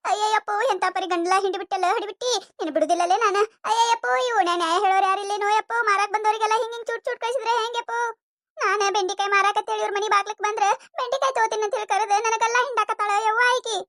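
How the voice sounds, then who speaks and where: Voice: extremely high pitch, steady tone, very fast, bright, forceful tone, full character voice. A voice actor playing a wailing, complaining village vegetable seller with a North Karnataka accent in a cartoon comedy.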